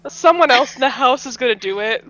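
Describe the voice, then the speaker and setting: A woman's voice: high voice, animated, fairly quick, fairly bright tone, muffled recording. A woman playing a tabletop roleplaying game, chatting casually and narrating what her character does.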